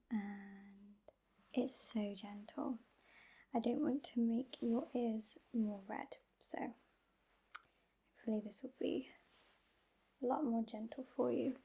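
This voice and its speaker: A woman soft-spoken gently and breathily, close to the ear, in a reassuring ASMR role-play as an ear clinician. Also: on the high side, fairly even intonation, takes it slowly, pauses often. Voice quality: breathy, mostly unvoiced soft voice. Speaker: ASMR performer playing a medical examiner. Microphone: close ear-to-ear ASMR microphone.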